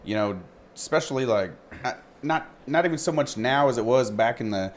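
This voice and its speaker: A man's voice: mid-range voice, animated, fairly quick, slight background noise. A man in casual chat with a laid-back, slangy stoner manner.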